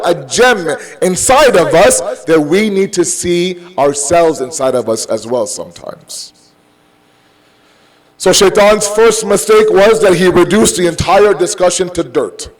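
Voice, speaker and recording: High-pitched man preaching in a conversational way. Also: animated, measured pace, rough recording. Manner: conversational, emphatic, rhetorical questions; mixes English with Urdu and Arabic phrases. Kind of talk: sermon with everyday examples and acted-out dialogue.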